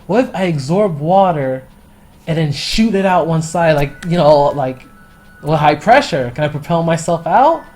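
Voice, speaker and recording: A man's voice: fairly high pitch, lively intonation, moderate pace, darkish tone, close to an everyday voice. Man muttering as a puzzled little slime. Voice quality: muttering, musing to himself. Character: small newborn male slime, puzzled and thoughtful.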